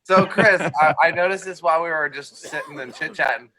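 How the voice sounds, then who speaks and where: A man's voice: a little high, brisk, sharp tone, rough recording. A man joining a casual livestream chat over a video call, teasing the others as he talks.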